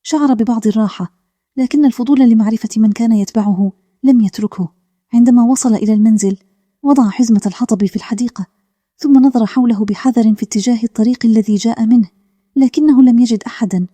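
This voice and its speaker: A woman narrating a calm bedtime story in a steady, even way. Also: on the high side, fast talker, dry recording.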